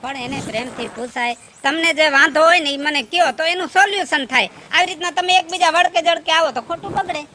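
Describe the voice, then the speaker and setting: A man's voice: extremely high pitch, fast, hardly any pauses, sharp tone, slight background noise, exaggerated voice. A man playing a caring village maternal uncle in a comedy sketch, with a Saurashtra Gujarati accent, giving fatherly advice. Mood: counselling. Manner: fatherly counselling.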